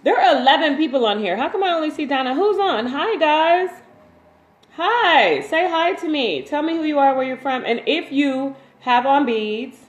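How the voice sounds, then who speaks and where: A woman hosting a casual livestream, chatting with viewers, greeting them by name and reading their comments in a relaxed, informal way. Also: sits high, moderate pace, roomy sound, poor audio. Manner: relaxed and informal, frequent ums and slang. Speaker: waist bead maker and seller, livestream host.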